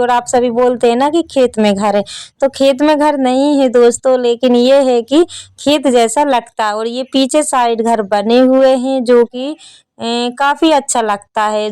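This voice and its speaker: A young woman with a fairly high, darkish and smooth voice vlogs her daily chores around a rural home with a farmyard. She chats casually, treating her viewers as friends, and the recording is dry.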